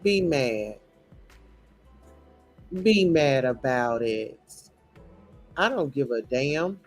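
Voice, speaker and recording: A man's voice: mid-range voice, big pitch swings, very slow, soft background music. A man ranting in a blunt, profane, preachy commentary reacting to a show.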